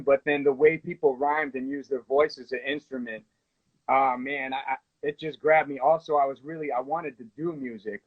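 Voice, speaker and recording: A man in his late thirties from the United States, a musician talking through his life story in a relaxed, rambling way, on a phone during a live video call. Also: on the high side, dry recording. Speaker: guest musician. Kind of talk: casual interview chat. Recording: tinny phone-line audio, dry.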